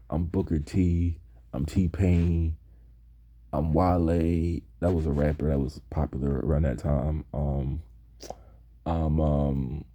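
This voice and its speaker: A young man casually telling stories about high school, laid back and slow, now and then mimicking his classmates' voices. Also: mellow, slightly rough. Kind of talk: casual storytelling.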